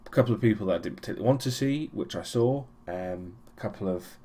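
A man's voice: lowish voice, fast, mellow, slightly rough. A young man giving a casual weekly vlog recap, rambling with many ums and restarts and a dry, sarcastic streak. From Europe. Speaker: vlogger.

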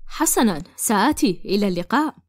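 A woman voicing a curious, impatient young woman in an animated cartoon. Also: mid-range voice, a little fast, a little hiss or hum, natural voice. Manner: questioning, impatient. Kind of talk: cartoon dubbing in formal Arabic.

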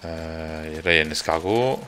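A man's voice: a bass voice, moderate pace, pushed and bright, a little hiss or hum. A man streaming a video game live, chatting casually, swearing now and then and greeting viewers as he plays. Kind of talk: casual live gameplay commentary.

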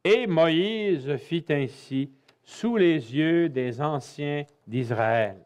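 A man's voice: a little high, extremely slow, darkish tone. A male priest with a Canadian French accent preaching a sermon in a church, emphatic with folksy asides to his listeners. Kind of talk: sermon on scripture.

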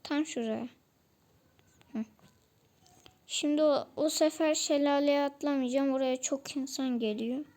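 High, slow-talking mellow gameplay commentator. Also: fairly even intonation. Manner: chatty, talks to viewers while playing, grumbles about weapons. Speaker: mobile game player and channel host.

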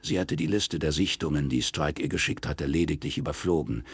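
A man reading a crime novel aloud as scripted narration, in a steady storytelling manner. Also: very deep voice, a little fast, husky, no room sound. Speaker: audiobook reader.

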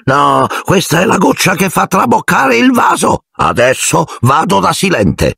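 A hysterical old caretaker, whining high and fed up in a storybook reading. The voice is husky and strained, recorded dry and close. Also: male voice, wildly swooping pitch, measured pace, sharp tone, no room sound, exaggerated voice. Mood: exasperated.

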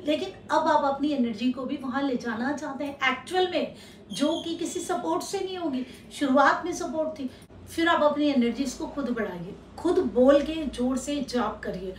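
A woman spiritual teacher talks calmly straight to the listener, giving steady advice. Her voice sits high. It rings in an echoey room with a faint hum behind it. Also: far from the mic. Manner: calm, advising, addresses the listener directly. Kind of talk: instructional talk to camera. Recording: echoey room, voice a little off-mic.

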